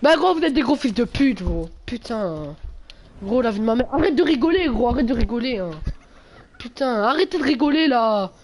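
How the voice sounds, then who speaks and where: A male streamer, chatting casually with viewers during a live game, full of slang and swearing, with sudden loud yelps. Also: very high voice, expressive, normal speed, a little hiss or hum. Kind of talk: casual gameplay livestream chat.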